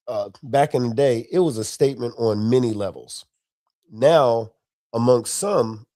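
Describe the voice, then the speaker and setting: Blunt man, dark dry voice. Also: medium pitch, dry recording. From Florida. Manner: blunt, emphatic, folksy. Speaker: podcast co-host. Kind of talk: casual podcast chat.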